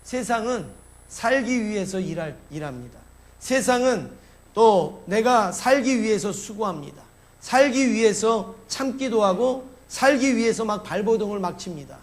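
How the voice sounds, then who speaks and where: Male pastor, middle-aged, high-pitched, emphatic sermon delivery with call-and-response questions. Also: lively intonation, measured pace. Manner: emphatic, asks the congregation questions and answers them.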